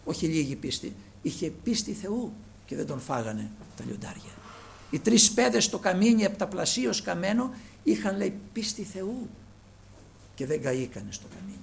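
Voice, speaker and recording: Man preaching a sermon, high gravelly voice, keeps saying brothers, loud then hushed. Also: sing-song, slight background noise. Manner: emphatic, repeatedly addressing the brethren, moving between loud and hushed.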